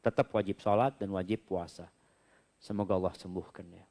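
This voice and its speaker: A man working as an Islamic preacher who reads out audience questions and then answers them. He explains each point in a relaxed, conversational way during a question-and-answer religious talk. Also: deep voice, normal speed.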